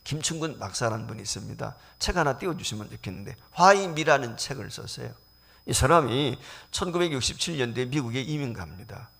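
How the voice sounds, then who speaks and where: A middle-aged man, a senior pastor, preaching a sermon to his congregation, swinging between loud exclamations and hushed whispers. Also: mid-range voice, animated, fairly quick, vocal fry. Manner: addresses the congregation directly as "여러분".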